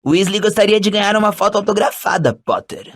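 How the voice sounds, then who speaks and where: A man's voice: a little high, sing-song, normal speed. A man voicing an arrogant, scornful rich schoolboy bully in an audiobook, with a mocking drawl. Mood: sneering. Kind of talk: audiobook character voice.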